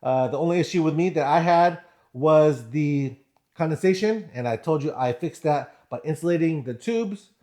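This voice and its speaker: A man's voice: a little high, normal speed, dark tone. A man from the United States giving a casual vlog-style product review, informally repeating and rephrasing his points.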